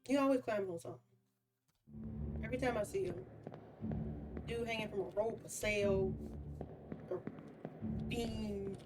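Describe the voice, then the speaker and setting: A woman's voice: mid-range voice, a little slow, pauses often, background noise. Woman musing through a livestream. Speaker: streamer. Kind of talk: casual live gameplay commentary. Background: game music.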